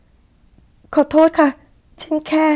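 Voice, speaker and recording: A woman voicing a shy, apologetic young woman who speaks softly and hesitantly in a romance audiobook. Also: extremely slow. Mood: timid. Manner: soft, hesitant, polite.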